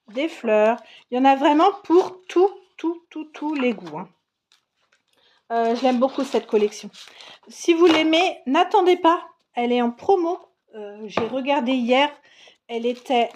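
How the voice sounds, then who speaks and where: Slow, chatty woman showing craft supplies. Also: a little high, darkish tone, a little hiss or hum. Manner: chatty, frequent fillers and restarts, enthusiastic. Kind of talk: casual product show-and-tell.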